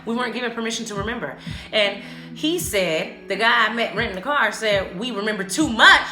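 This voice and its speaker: Bright and forceful, pitched on the high side and a little fast, a woman hosts a casual podcast alone, cursing often and speaking frankly and emphatically in slang. Music sits behind her echoing, roomy voice.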